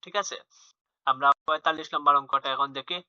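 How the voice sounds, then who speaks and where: Speaking fast in a pushed, bright voice that sits on the high side with fairly even intonation, a man teaches maths to young children. He is patient and repetitive, with fillers and restarts, captured in a dull lo-fi home recording without room sound.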